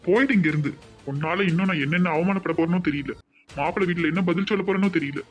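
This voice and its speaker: Brief: man voicing a high-pitched, fast, angry cartoon father, Tirunelveli Tamil accent, over light music. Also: natural voice. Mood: furious. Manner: barking, threatening and blunt. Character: stern angry village father disowning his daughter. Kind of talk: cartoon voice acting.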